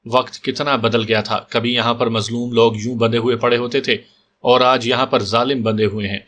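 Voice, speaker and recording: A man reading a detective story aloud as narrator in a calm, steady way. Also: medium pitch, slight background noise. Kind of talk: scripted audiobook narration.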